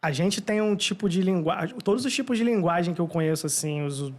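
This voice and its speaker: High-voiced Brazilian host, hesitant. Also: male voice, animated, brisk, darkish tone. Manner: thoughtful, hesitant, many fillers. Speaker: podcast host. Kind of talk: casual interview chat.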